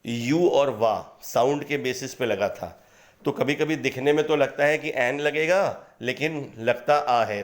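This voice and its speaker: A man teaching English grammar from slides, explaining step by step, asking questions and answering them himself, with an Indian accent on the English example sentences. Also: medium pitch. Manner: reads English example sentences slowly and deliberately. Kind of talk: slide-based grammar lesson.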